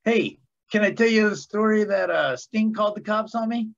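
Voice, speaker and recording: A man in his fifties joins as a podcast guest, telling stories in an easygoing, folksy way with plenty of hesitant pauses. His voice is fairly high, and it comes through slightly dull and muffled over a call. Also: gravelly. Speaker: author and guest. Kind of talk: casual interview chat.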